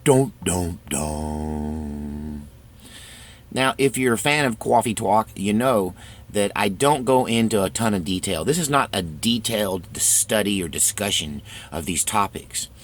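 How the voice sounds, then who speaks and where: Rambling man with a low voice. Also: moderate pace, fairly bright tone. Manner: rambling, conversational, with frequent restarts. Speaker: channel host. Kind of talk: casual vlog monologue.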